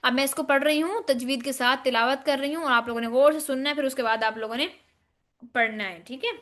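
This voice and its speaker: A woman teaching Quranic recitation rules, explaining step by step and demonstrating words in slow drawn-out chanting. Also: high voice, fairly bright tone. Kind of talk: tajweed lesson.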